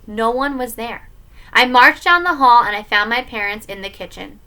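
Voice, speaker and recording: A woman reading a children's book aloud in an expressive way. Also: on the high side, moderate pace. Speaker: story reader.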